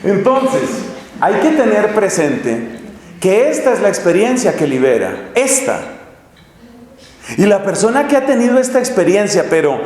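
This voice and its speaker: A man preaching a sermon, telling stories dramatically with big swings in pitch and pace. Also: big pitch swings, a little slow, a little mellow. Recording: echoey church hall.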